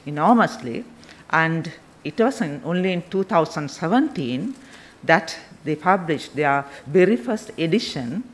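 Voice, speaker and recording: A middle-aged Sri Lankan woman delivers a formal address at a slow, measured pace. Her phrasing is halting, and she speaks through a face mask into podium microphones. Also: deep voice. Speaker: medical association president giving a review.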